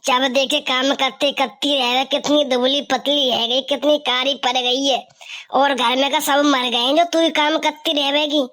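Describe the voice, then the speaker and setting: A woman's voice: high voice, steady tone, measured pace, fairly bright tone. A woman voicing a doting young village husband, coaxing and insistent. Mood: scolding.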